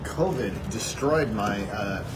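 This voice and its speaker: A man in his forties with a fairly low, expressive voice reviews a dessert from a fair, speaking slowly and casually. He's wordy and hesitant, full of fillers and restarts. It's filmed on a phone in a small wooden shed with background noise.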